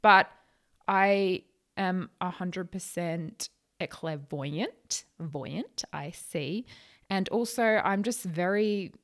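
A woman's voice: fairly low pitch, drawn-out words. A woman talking casually on a solo podcast, chatty and a little nervous, stumbling over her words and rephrasing as she goes. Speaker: podcast host, psychic channel.

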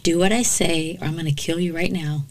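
A coarse, menacing male criminal, resentful and self-justifying, as read by a woman narrating a true crime story. He talks in a rough, threatening way, and his voice sits a little low. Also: fairly even intonation, fairly quick, a little mellow, close to an everyday voice.

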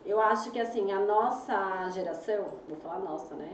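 Woman, Brazilian accent, pediatrician, lively, mimics parents, echoey room, dull sound. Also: medium pitch, normal speed, a little hiss or hum. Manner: animated, acts out anxious parents with sighing voices. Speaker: pediatrician guest. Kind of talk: casual interview chat. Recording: roomy, distant, muffled recording.

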